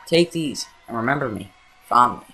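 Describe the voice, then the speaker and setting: A man's voice: mid-range voice, lively intonation, normal speed, pushed and bright, soft background music, low-quality recording. A man doing a whiny, melodramatic little retainer. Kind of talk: let's play voice-over.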